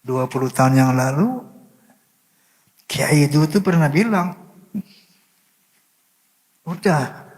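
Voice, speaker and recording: A man's voice: a little high, animated, measured pace, long pauses. Older devout man, echoing hall. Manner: devout, full of religious phrases; earnest, sometimes drops to a soft murmur. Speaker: guest telling a personal story. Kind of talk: emotional storytelling. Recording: long hall reverb.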